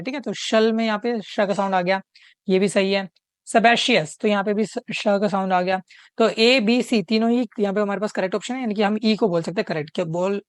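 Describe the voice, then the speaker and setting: A man's voice: high voice, no echo, studio quality. A man working as an online tutor, explaining questions one at a time and often checking in with the listener as he goes. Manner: explains patiently, checks in often with "theek hai".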